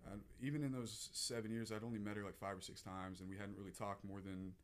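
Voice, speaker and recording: Young oklahoma guy on a podcast, kinda low voice, earnest, trips over his words a lot. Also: level tone, fast talker. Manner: earnest, emotional, many restarts. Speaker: podcast guest. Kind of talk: casual podcast storytelling.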